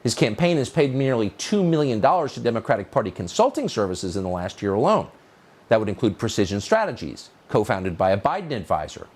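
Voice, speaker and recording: A middle-aged male news host with a lively pitch that swings up and down as he mocks and needles. He delivers his opinion monologue with sarcastic incredulity. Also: a little fast.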